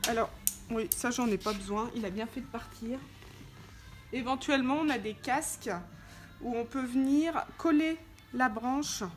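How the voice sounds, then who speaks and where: With background music playing, a woman presents an informal tutorial for a motorcycle gear channel, handling the parts as she explains each step. Her voice is a little high and a little slow.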